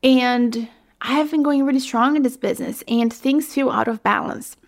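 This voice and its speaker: A woman's voice: sits high, moderate pace. A young woman hosting her own podcast, talking casually and a little out of breath, with lots of "you know" fillers. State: slightly out of breath. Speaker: podcast host. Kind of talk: casual solo podcast monologue.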